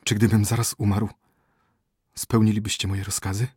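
A noble young prince near death speaks in urgent, pleading tones, read by a man. The voice sits low and husky. The sound is dry and close, as in an audiobook. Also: little pitch movement, moderate pace, darkish tone, no echo. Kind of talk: audiobook character voice.

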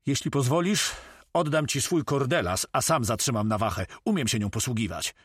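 A man's voice: medium pitch, expressive, normal speed, slightly rough, dry recording, studio quality, pitched above the performer's own voice. A man voicing a brave male pirate who talks boldly and eagerly.

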